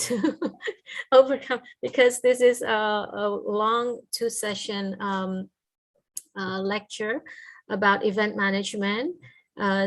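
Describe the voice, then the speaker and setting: A woman with an Indonesian accent, a native Indonesian speaker, giving polite, semi-formal closing remarks as moderator of an online academic lecture, phrasing things hesitantly. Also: fairly high pitch. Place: video call.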